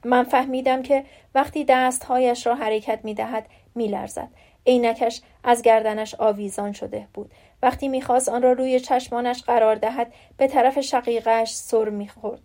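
A woman narrating an audiobook in the first person, reading calmly and evenly. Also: on the high side.

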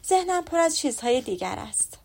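Witty lively young lady read by a woman, teasing tone, fairly high voice. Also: creaky, exaggerated voice.

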